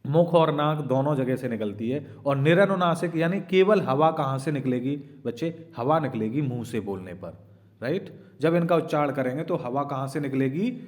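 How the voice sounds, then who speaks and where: A man's voice: mid-range voice, expressive, normal speed. A man teaching an exam-prep lesson, patiently explaining and sounding out vowels, often asking "right?" and calling his students children. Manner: demonstrates vowel sounds aloud.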